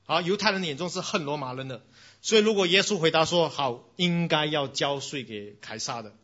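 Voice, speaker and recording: A man preaches a sermon with a bright, forceful delivery. His voice is husky, and the recording sounds dull and lo-fi. He tells animated stories and mixes in bits of English. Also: a little high, a little fast. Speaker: pastor.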